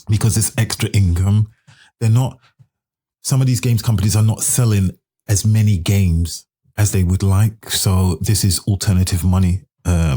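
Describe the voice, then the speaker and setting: Low mellow voiced guy, gaming expert guest on a podcast, earnest explainer. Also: breathy edge. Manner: earnest, explanatory, frequent murmured backchannels. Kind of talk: casual podcast interview.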